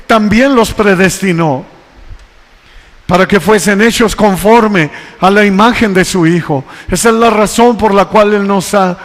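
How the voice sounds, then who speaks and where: Male pastor, high voice, fervent sermon delivery, long church reverb. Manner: preaching with rising exhortations and slow emphatic scripture reading. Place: church sanctuary.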